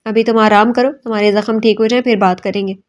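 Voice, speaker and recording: A woman's voice: medium pitch, fairly even intonation, dull audio, natural voice. A woman voicing a boisterous gang boss welcoming back his favourite in a storybook reading. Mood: jubilant. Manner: loud, exuberant, hearty. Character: jubilant gang boss, boisterous older man.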